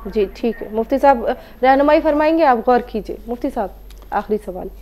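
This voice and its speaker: Woman host taking calls, high voice, polite and formal. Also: animated, a little fast, warm tone. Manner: polite, formal prompting of callers. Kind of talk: call-in show hosting.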